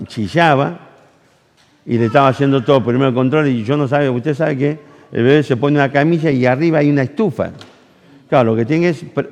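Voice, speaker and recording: A man with an Argentine accent preaching a sermon, telling a personal story with acted-out dialogue and questions to the congregation. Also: medium pitch. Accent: Argentine Rioplatense Spanish. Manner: animated storytelling, acts out dialogue, asks the audience questions. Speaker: pastor. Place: church camp hall. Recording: long hall reverb.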